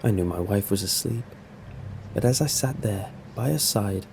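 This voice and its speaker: Low, gravelly male story narrator. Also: expressive, moderate pace, a little mellow, a little hiss or hum. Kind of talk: scripted first-person story narration.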